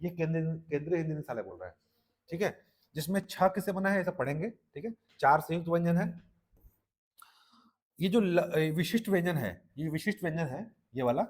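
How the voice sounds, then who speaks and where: A man's voice: fairly high pitch, lively intonation, a little fast, darkish tone. Man teaching Hindi with a Chhattisgarhi accent. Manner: repeats "ठीक है" and quizzes listeners. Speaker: exam-prep Hindi teacher. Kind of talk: classroom lecture.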